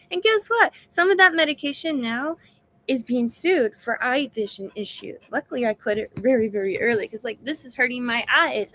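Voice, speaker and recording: A woman in her thirties talks to her camera in a high voice, exasperated and exhausted. She vents in bursts, trailing off, sighing and starting her sentences over. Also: fairly bright tone. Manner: venting, exasperated, restarts and sighs. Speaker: vlogger sharing a health update. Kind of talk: frustrated personal vlog.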